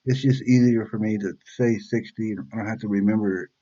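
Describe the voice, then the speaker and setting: A man's voice: on the low side, steady tone, normal speed, dark tone, muffled recording. A man in his fifties hosting a reaction channel, talking bluntly and rambling in a casual monologue, swearing freely. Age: 50s. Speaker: YouTube reaction channel host.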